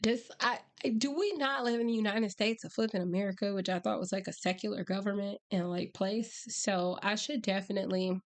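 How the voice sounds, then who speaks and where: A woman livestream host chatting casually and rambling wryly, her voice hoarse, strained and breaking from being sick. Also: medium pitch, fairly quick, hardly any pauses. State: hoarse, voice nearly lost from illness. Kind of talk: casual livestream chat with viewers.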